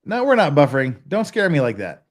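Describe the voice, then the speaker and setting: With a fairly high voice that swoops wildly and moves a little fast, this American man runs a casual livestream. He's chatty and playful, often stopping partway through what he's saying.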